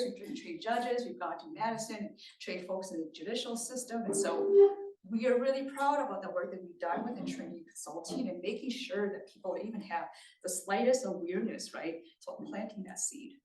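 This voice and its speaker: At a community meeting, a woman from Thailand delivers an engaging, conversational talk, often checking in with those listening. Her mid-range voice is a little mellow, and the sound is roomy from a far-off microphone.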